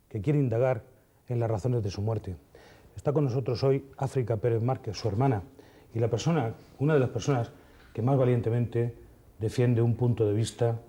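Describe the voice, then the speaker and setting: A man's voice: mid-range voice, dark tone. A man with a Spanish accent hosting a TV show, formally introducing a guest and asking direct questions. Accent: Spanish from Spain. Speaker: TV host. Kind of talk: studio interview hosting.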